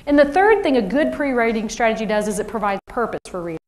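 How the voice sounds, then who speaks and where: A lively woman presents to a room of teachers, her voice sitting a little high. She talks with animated energy and often slips into quick impressions of children. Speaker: teacher trainer. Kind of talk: workshop presentation.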